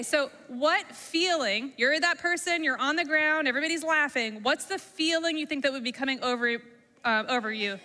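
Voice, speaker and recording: A woman with a high, sharp voice addresses a middle school class in a school room or hall with a long echo. She keeps them engaged by asking questions and using simple examples, and the recording has a reverberant hall sound.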